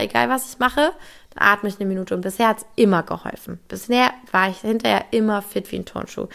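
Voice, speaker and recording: A young woman hosting a solo podcast, talking quickly and enthusiastically, slipping English words into her speech. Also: a little high, fairly bright tone. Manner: talks quickly. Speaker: podcast host.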